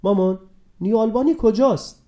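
A man reading a storybook, voicing an excited three-year-old boy who pleads with his mother. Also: natural voice. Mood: eager, pleading. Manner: high, eager and pleading.

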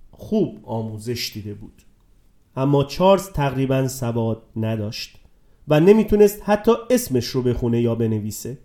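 A man narrating a story aloud in a calm, measured way. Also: a little high. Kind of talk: audiobook narration.

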